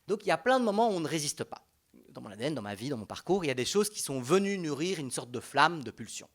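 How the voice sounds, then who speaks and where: A young man with a Belgian French accent giving a public talk as a panel speaker, animated and conversational, often restarting his sentences. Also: a little high, fast.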